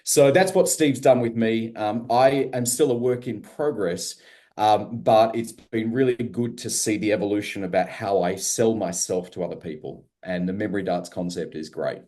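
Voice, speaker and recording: Australian man, guest speaker, mellow and conversational, relaxed delivery. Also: fairly low pitch, moderate pace. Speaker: guest, radio consultant. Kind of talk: casual testimonial.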